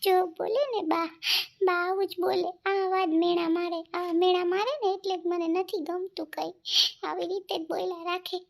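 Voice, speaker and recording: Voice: very high voice, little pitch movement, normal speed, gravelly. A performer playing a touchy young wife who complains in a whiny tone in a family comedy skit. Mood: hurt.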